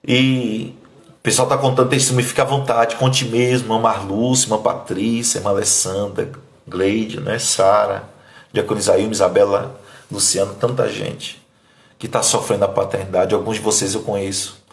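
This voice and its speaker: Delivering his sermon and testimony, this Bahian pastor in his thirties pleads emphatically, and his voice turns low and soft in emotional moments. His delivery is flat at a normal speed, and the recording is reverberant.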